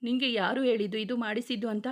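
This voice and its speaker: A woman's voice: on the high side, fairly even intonation, fast, lightly acted. A woman reading the lines of a short-tempered young male police officer, speaking firmly and scolding. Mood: stern. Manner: firm, scolding, forceful delivery.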